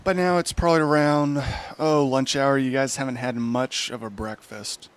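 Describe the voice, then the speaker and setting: A man's voice: mid-range voice, fairly even intonation, moderate pace, clear, resonant tone. A man narrating a tabletop game as game master, rambling and correcting himself often.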